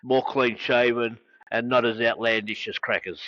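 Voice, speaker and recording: A man's voice: mid-range voice, level tone, moderate pace, no echo. A man hosting an interview, asking short, chatty questions. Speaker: interview host. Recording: dull dry lo-fi sound.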